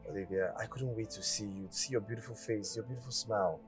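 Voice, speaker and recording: A man's voice: on the low side, steady tone, quick pace, over music, close to an everyday voice. A man with a Nigerian English accent playing an insistent suitor who pleads for a woman's attention in a film drama. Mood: pleading. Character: persistent male suitor Mister Dennis.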